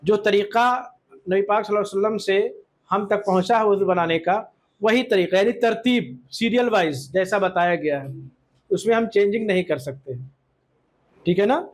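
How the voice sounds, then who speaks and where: A man teaching Islamic law to a class, quizzing the students and often checking that they agree, with English words mixed in. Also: high-pitched. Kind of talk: classroom lesson with questions to students.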